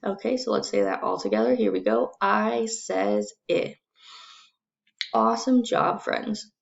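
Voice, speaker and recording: Kindergarten teacher, female, heavy vocal fry, animated intonation, encouraging phonics delivery, slightly lo-fi sound. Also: mid-range voice. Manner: kindergarten-teacher manner, encouraging, simple repeated phrases; sounds out letters and words slowly and distinctly. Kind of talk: recorded phonics lesson for young children.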